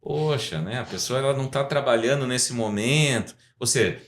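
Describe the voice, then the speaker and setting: Brazilian man, 40s, podcast guest professor, talkative and explanatory, mid-pitched voice. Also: moderate pace. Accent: Brazilian Portuguese. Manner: explanatory, rambling, frequent tag questions. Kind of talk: podcast interview.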